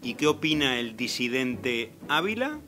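Guy narrating a news report, bright sharp voice, faint music under it. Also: mid-range voice, sing-song, unhurried. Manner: pointed, critical delivery.

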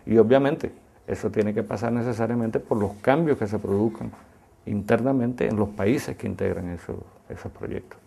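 A man gives an extended analytical interview answer as an academic, deliberate and didactic, with emphatic stresses and pauses. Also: fairly low pitch, vocal fry, dark tone, slightly rough. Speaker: academic expert being interviewed.

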